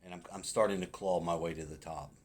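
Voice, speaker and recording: A man's voice: sits low, fairly even intonation, quick pace. A man vlogging in a casual, rambling monologue, with frequent hesitations and restarts.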